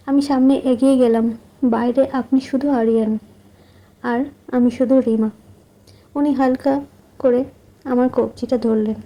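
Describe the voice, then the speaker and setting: A woman narrates a romantic story in the first person, in a soft, intimate and measured way. Her voice sits high but sounds deeply warm and mellow, never sharp. She reads like a storyteller drawing the listener close. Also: steady tone.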